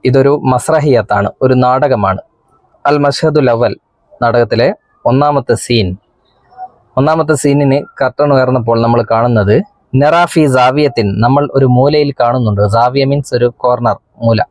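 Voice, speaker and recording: A male teacher with a Kerala accent walks through a textbook play. He reads each line, then translates and explains it in an even, mid-pitched voice. He is recorded on a close mic in a dry room with no echo. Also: normal speed.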